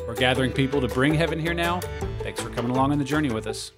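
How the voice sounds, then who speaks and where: An upbeat man hosts a casual podcast chat with a friendly, easygoing delivery. His voice sits mid-range with everyday fillers. A clear music bed plays behind him. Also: mid-range voice, very fast. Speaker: podcast host. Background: background music.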